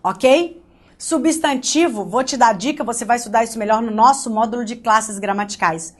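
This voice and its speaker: A woman from Brazil teaching an online grammar lesson, lively and joking, speaking straight to the student. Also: on the high side, moderate pace.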